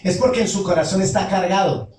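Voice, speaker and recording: A man's voice: high voice, fast, darkish tone, slight background noise. A male pastor preaching a call-and-response sermon, asking the congregation questions and answering them himself. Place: church sanctuary. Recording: echoey church hall from far off.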